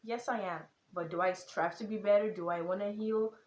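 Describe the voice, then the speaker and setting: A Nigerian teenage content creator speaks in a casual vlog, her Nigerian accent touched by British and American sounds. Her voice is medium-pitched and steady at a moderate pace, yet she talks earnestly and with emphasis. The recording sounds roomy.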